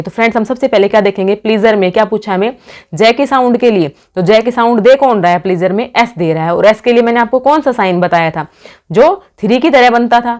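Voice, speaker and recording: A woman teaching an exam-prep phonetics lesson at a middle pitch. She talks to her students as friends and keeps asking questions that she answers herself. She reads out example words one at a time. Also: darkish tone. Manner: calls the class "friends", asks questions and answers them herself.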